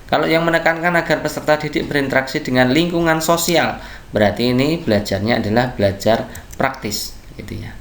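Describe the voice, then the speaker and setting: A man's voice: medium pitch, gravelly, slight background noise. A man working through exam practice questions as an online tutor. He reads out each answer option and keeps adding a tag that asks his viewers to agree. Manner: unhurried, reads answer options aloud, often adds a tag asking for agreement. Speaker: online test-prep tutor.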